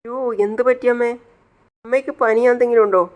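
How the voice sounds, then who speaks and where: A man's voice: very high voice, level tone, fast talker, clear, resonant tone, pitched above the performer's own voice. A man voicing a loving, cheerful grown son who is affectionate and teasing toward his mother. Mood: concerned.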